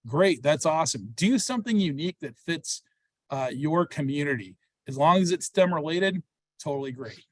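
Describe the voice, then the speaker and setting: A man hosts an online webinar in a slightly raised, bright-edged voice. He talks fast and upbeat, with plenty of "uh" and "um". The sound is close and dry, as on a video call. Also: on the high side, lively intonation, no room sound. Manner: fast, upbeat, many fillers. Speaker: program host. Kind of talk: webinar presentation.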